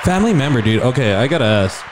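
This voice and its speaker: A man with a mid-pitched voice chats on a podcast. He rambles, stumbles over his words and laughs along the way. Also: big pitch swings, fast talker, a crowd in the background, noisy background. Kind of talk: casual chat.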